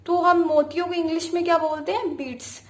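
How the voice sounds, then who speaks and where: A woman with a high voice gives a beginner abacus lesson in a room with a noticeable echo. She keeps asking questions and answering them herself, spelling out key words letter by letter. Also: level tone, a little fast. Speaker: abacus teacher. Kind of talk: teaching with call-and-response questions.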